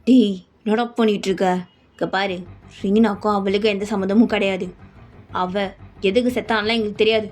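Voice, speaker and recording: A woman's voice: medium pitch, level tone, fairly quick, darkish tone, natural voice. A woman voicing an evasive, dismissive middle-aged father. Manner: dismissive, firm.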